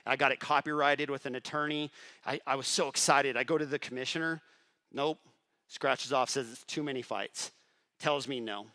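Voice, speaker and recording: A middle-aged man speaking on stage at a live event, telling his business story with lively, acted-out quotes and swings in loudness. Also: mid-range voice, moderate pace. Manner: animated, acts out quoted dialogue with shifting loudness. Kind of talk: motivational storytelling speech.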